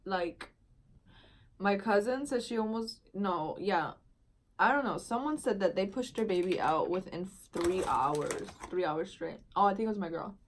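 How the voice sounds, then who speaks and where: A woman's voice: mid-range voice, a little slow, a little hiss or hum. A young woman vlogger casually telling a long personal story, rambling with lots of filler words and slang. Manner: rambling, heavy use of "like" and "dude".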